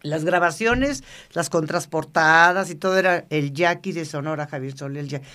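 An older woman, appearing as a guest in a casual interview, tells personal anecdotes in a lively, chatty way at normal speed. Her voice sits low, and she laughs often and acts out the voices of the people she quotes.

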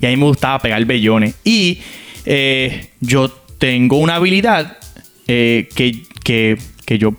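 A man with a Puerto Rican accent telling a comic story from his school days in a playful, animated way. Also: medium pitch, unhurried, clear, resonant tone, faint music behind. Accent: Puerto Rican Spanish. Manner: animated, playful, acts out characters.

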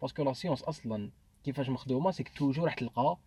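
A man's voice: mid-range voice, very fast, mellow, slightly rough. A man with an Algerian accent talking through ideas in a casual podcast discussion, slipping between Arabic and French. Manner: mixes French into Arabic, thinks aloud with restarts.

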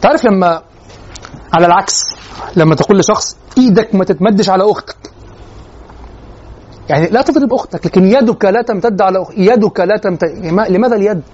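A man giving a classroom lecture on classical poetry, often stopping to ask the class whether it is clear. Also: high-pitched, quick pace, darkish tone, slight background noise. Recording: dull lo-fi classroom recording.

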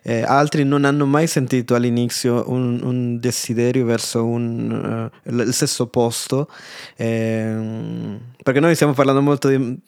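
A man's voice: medium pitch, flat delivery, a little slow, gravelly, a little mellow, no echo, clean studio sound. A man hosting a conversational interview, explaining and asking as the host.

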